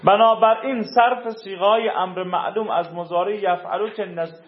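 High-voiced male teacher in an echoey room. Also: fairly even intonation. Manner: reads a rule, then explains it in casual speech; asks the class questions and answers them. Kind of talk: classroom grammar lesson. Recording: echoey room, dull lo-fi sound.

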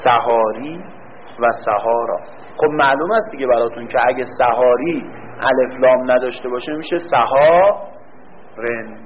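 A man giving a grammar lecture, quizzing the class with questions and answering them himself, stretching out key words. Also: medium pitch. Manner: drawn-out stress on key words. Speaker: teacher. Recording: dull lo-fi recording with faint room hum.

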